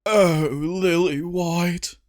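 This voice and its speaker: A man's voice: high voice, lively intonation, unhurried, a little mellow, voice pushed up. A man voicing a whiny, sly young male henchman who whines and fakes compliance in a storybook reading. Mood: swooning. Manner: whining, falsely compliant.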